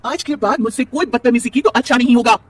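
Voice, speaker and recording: A man voicing a sharp-tongued, defiant young married woman in a storybook tale. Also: very high voice, fast, a little hiss or hum, voice pushed up.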